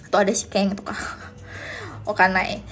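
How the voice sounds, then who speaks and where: A woman teaching Japanese on a live stream, chatting casually with viewers as she explains each answer slowly. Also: mid-range voice, level tone, a bit bright, soft background music.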